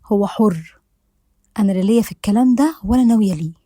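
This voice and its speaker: A woman voicing a lively, quick-tongued young woman who jokes with a playful bite, speaking with an Egyptian accent. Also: mid-range voice, no room sound, clean studio sound, close to an everyday voice. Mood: teasing. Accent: Egyptian Arabic. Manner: teasing, playful banter.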